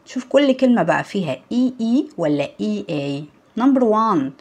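Lively, husky Egyptian woman teacher. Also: mid-range voice, normal speed. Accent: Egyptian Arabic. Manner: asks the children questions and praises them. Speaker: primary school English teacher. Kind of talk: recorded lesson for young pupils.

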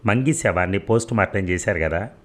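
A calm, firm detective with a steady, reassuring way of speaking, as a man reads him. The voice is deep and low, read from an audio novel. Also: fairly quick.

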